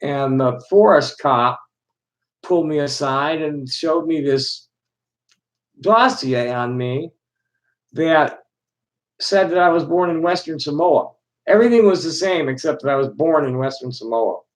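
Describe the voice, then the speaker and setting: Middle-aged Chicago man, live-stream host, rambling and halting delivery. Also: on the high side, low-quality recording. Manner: halting, many restarts and fillers. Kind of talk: rambling casual monologue to chat.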